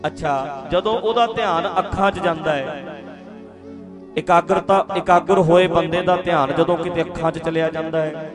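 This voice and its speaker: A spiritual speaker with a deep voice gives a teaching talk at a moderate pace with fairly even intonation. She explains patiently, repeats her phrases, and speaks directly to her listeners while music plays behind her voice.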